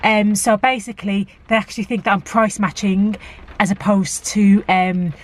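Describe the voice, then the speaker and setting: A woman's voice: mid-range voice, fairly even intonation, moderate pace. A woman in a casual vlog, chatting to camera and giving practical tips with plenty of fillers. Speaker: vlogger. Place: car park outside a shop, rainy.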